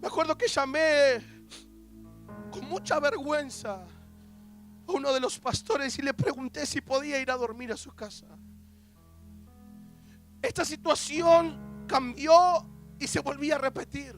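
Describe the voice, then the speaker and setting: A man's voice: extremely high pitch, a little slow, pauses often, fairly bright tone, faint music behind. A young man, preaching a sermon as an emotional personal testimony with quoted dialogue.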